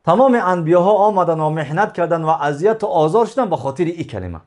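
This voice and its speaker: A man's voice: on the high side, animated, darkish tone. A man teaching a religious lesson, explaining step by step, repeating key phrases and answering his own questions.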